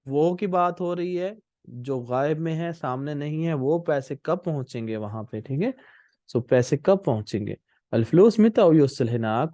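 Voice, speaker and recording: Guy teaching a language class, patient, says every word twice, bit high voice, dry sound. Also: darkish tone, no room sound. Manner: patient, repeats and spells out words. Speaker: Arabic teacher. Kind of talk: spoken Arabic lesson explained in Urdu.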